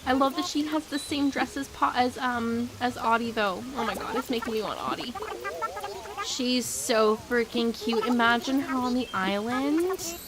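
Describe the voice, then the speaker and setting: Game music plays as a young streamer rambles casually at a moderate pace, her voice fairly high yet still somewhat hoarse. Fillers crowd her speech, and now and then she lets out an excited squeal.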